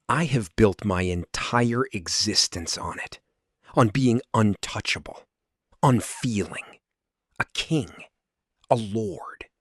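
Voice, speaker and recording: A man voicing a centuries-old, proud, brooding vampire lord confessing love in an ASMR role-play, husky and breathy, with halting, intense delivery and dramatic pauses. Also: lowish voice, dry recording, clean studio sound, heavily acted. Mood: proud, guarded. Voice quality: breathy, husky, often dropping into soft voice.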